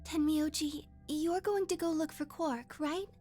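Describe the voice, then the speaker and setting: Soft, very high young woman for a game, slow and hesitant, over music. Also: steady tone. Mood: earnest. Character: gentle, soft-spoken young woman, hurt and quiet. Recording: game audio with music underneath.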